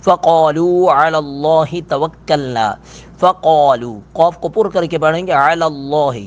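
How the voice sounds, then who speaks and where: A middle-aged male teacher giving a recitation lesson in a fairly high voice. He explains each pronunciation rule in a plain, steady way, then chants the verse slowly and draws out the sounds. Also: muffled recording.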